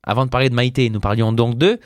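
A man's voice: mid-range voice, fairly even intonation, fast talker, dry recording, studio quality. A man hosting a casual quiz podcast, playful and teasing, sometimes slipping into a mock-solemn announcer tone. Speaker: quiz host.

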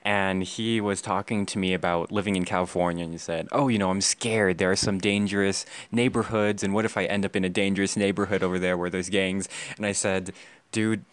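A young American man with a low, steady voice speaks briskly. He's a language learner being interviewed, talking in a casual, reflective, conversational way.

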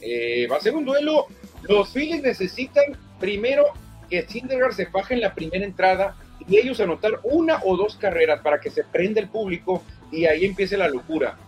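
A man talks baseball on the radio in a chatty, emphatic way, his voice sitting a bit high. Faint music plays under the radio broadcast. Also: lively intonation, moderate pace. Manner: chatty, emphatic, tags lines with "¿eh?". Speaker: baseball commentator. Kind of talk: casual radio sports talk.

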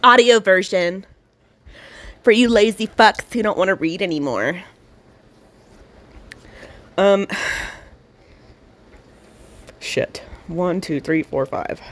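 Slow, rambling woman on a handheld voice recorder. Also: on the low side. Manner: rambling, profane, slow with long pauses. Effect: handheld voice recorder held to the mouth. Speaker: audio diary host. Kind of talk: casual spoken audio diary. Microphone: handheld voice recorder close up.

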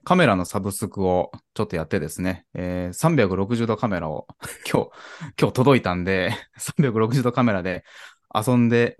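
Guy with a lowish voice, polite casual podcast chat about his stuff. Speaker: podcast co-host, car garage owner.

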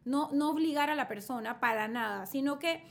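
A woman's voice: high voice, a little fast. A woman hosting a casual chat, affirming her guest and addressing the audience. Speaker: host.

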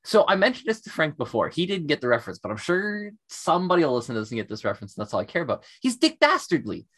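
A man's voice: fairly high pitch, big pitch swings, rapid-fire, a bit bright, breathy edge. Rambling enthusiastic man podcaster. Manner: rambling, many fillers; enthusiastic, self-deprecating. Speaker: podcast co-host. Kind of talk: casual chat.

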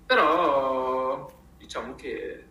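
A man speaking emphatically and expressively in a casual interview, with halting phrasing and repeated words. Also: medium pitch, creaky, bright, forceful tone. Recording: roomy, echoing sound.

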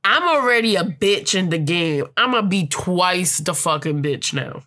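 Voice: mid-range voice, lively intonation, unhurried, sharp tone. A speaker in a casual gaming chat who rambles loosely and swears freely.

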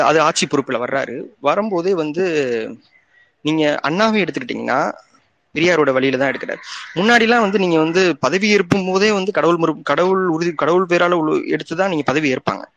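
A man's voice: a little high, lively intonation, brisk, fairly bright tone, muffled recording. A man speaking in an online audio discussion, explaining in an earnest way and often restarting and repeating his phrases. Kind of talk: casual political talk.

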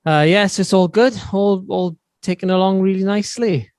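A man's voice: high-pitched, steady tone, moderate pace, darkish tone, no room sound, studio quality. A man with a Swansea Welsh accent chatting informally and matily as a musician guest on a podcast. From Swansea, Wales. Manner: matey, informal, peppered with "you know". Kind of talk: casual interview chat.

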